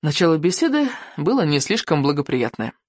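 A narrator reading a storybook aloud with lively, expressive delivery. The recording is dry and close, with no room sound around the voice. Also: mid-range voice, brisk, dry recording. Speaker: audiobook narrator.

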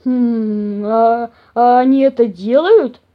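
A big, half-deaf old papa bear from a storybook, slow and booming, always a little puzzled, with a woman doing his voice. His words come out drawn out and loud on dull, lo-fi audio. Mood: mild.

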